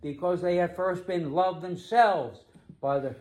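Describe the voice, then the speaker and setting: A man preaching a sermon as pastor, emphatic, slowing down to stress key phrases. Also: high-pitched, darkish tone.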